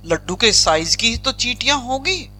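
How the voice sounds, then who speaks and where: A woman's voice: fairly high pitch, expressive, normal speed, pushed and bright, faint music behind. Woman voicing a scolding male magician. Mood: offhand. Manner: chiding, matter-of-fact. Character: teasing male magician, scolding but offhand.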